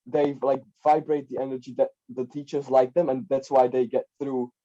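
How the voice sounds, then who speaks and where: This young adult life coach from the Czech Republic rambles through a casual podcast chat, repeating himself and tossing in "like" and "right?" often. His mid-range voice is mellow and flat, moving at normal speed, and the sound quality is dull and lo-fi.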